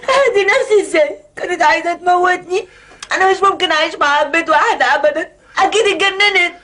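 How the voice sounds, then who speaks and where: A shrill wailing scheming wife. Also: female voice, quick pace, pushed and bright. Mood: wailing hysterical. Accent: Egyptian Arabic.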